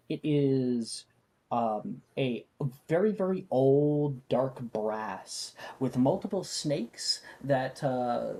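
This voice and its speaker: A game master narrating a tabletop fantasy game, describing scenes in a halting, improvised way. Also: medium pitch, dark tone.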